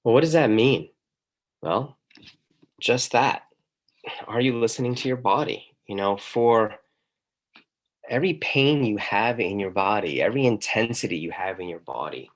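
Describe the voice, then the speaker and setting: A man's voice: fairly low pitch, a little slow, long pauses. A man hosting a talk show, speaking in an emphatic monologue and asking the listener many questions. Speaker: host. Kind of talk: motivational monologue.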